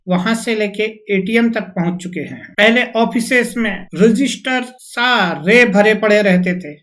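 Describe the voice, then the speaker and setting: A man giving an explanatory video lesson as a teacher. He asks rhetorical questions, answers them himself, and slowly repeats key sounds for emphasis. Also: high voice, fairly bright tone. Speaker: English teacher.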